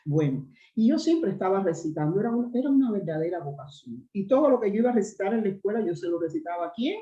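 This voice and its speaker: A middle-aged Cuban woman with a strong, resonant voice, telling stories in a lively conversational interview. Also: mid-range voice, fast talker. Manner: animated storyteller, lively asides. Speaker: actress, interview guest. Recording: roomy, slightly dull recording.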